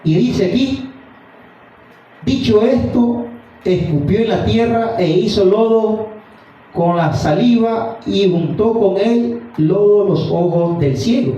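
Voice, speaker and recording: A man's voice: high-pitched, slow, warm tone. A man preaching a fervent evening sermon, reading scripture aloud and calling his listeners brother. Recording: dull, roomy sound from a distant mic.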